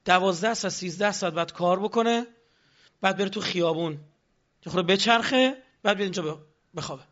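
A high-voiced man lectures with lively energy and throws rhetorical questions at his listeners. The recording has a dull, lo-fi sound. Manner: animated, rhetorical questions to the audience. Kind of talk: lecture on politics.

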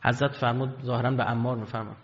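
Preacher in a reverberant hall. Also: male voice, little pitch movement. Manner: emotive storytelling, dramatic swings in pitch and loudness. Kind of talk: sermon. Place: hall with pulpit. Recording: dull lo-fi sound, long hall reverb.

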